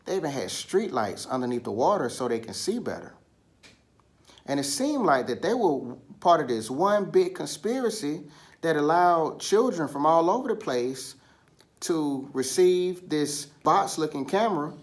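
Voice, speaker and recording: A man with a fairly high, very animated voice reads and retells stories for children at a normal pace. He talks to his young listeners directly and asks them questions in this storytelling read-aloud.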